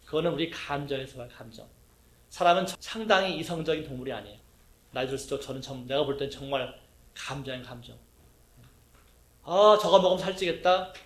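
A middle-aged man preaching a sermon as a pastor, asking his congregation questions and acting out quotes in a lively way. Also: mid-range voice, fast, roomy sound. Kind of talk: sermon teaching.

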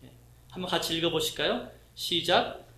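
A middle-aged man preaching a conversational sermon, telling lively personal stories, acting out voices and asking the congregation questions. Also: on the high side, moderate pace, echoey room, a little hiss or hum. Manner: lively storytelling, acts out quoted voices, asks the congregation questions. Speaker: pastor.

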